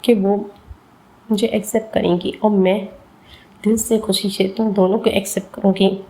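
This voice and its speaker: A woman's voice: mid-range voice, flat delivery, normal speed, mellow, close to an everyday voice, low-quality recording. A woman voicing a heartbroken, tearful young woman who stammers through shocked pleas in a storybook reading. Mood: resolute. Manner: stammering, choked pleading.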